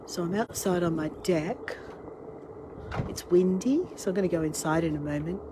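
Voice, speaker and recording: Fairly low in pitch and moderately paced, a middle-aged Australian woman with a cold, her voice giving out, casually hosts a live cooking stream and greets each arriving viewer. She leads online tours and cooking classes. Captured by her device camera, she begins outside on a deck amid wind and ambient sound, then moves into her kitchen at home.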